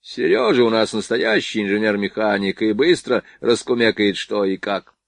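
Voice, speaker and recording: A man's voice: on the low side, expressive, normal speed, vocal fry, dry recording. A man reading the lines of a blunt, weary artillery officer. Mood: bored.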